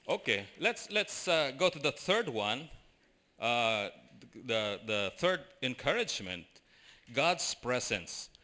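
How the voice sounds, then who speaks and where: A man's voice: medium pitch, very animated, slow pace, sharp tone. A middle-aged man with a Filipino accent preaching a sermon, mixing personal stories with questions to the congregation. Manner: mixes storytelling and preaching, asks the congregation questions. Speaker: lay preacher.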